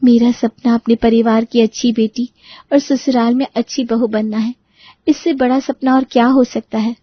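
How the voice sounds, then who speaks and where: A woman's voice: on the high side, level tone, moderate pace, no room sound, lo-fi sound, pitched above the performer's own voice, lightly acted. A woman voicing a shy, traditional young woman who answers meekly and politely. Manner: meek, polite.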